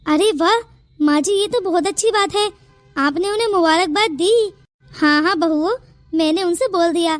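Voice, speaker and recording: A woman voicing the family of a cartoon story in quick, bickering domestic chatter. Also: very high voice, dry recording, studio quality, faint music behind. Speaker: narrator voicing all family roles. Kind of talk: cartoon voice acting.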